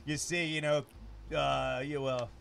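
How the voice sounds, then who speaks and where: A man's voice: mid-range voice, flat delivery, measured pace, creaky, fairly bright tone, smooth. A man who produces adult films, chatting in an interview in a rambling, crude way and laughing often. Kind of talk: casual interview chat.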